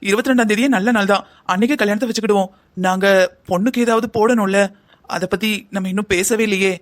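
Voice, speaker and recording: A man's voice: high-pitched, steady tone, fast, lightly acted. [name], a man voicing an earnest father. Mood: respectful. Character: humble anxious middle-aged father of the bride. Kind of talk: cartoon family drama voice acting.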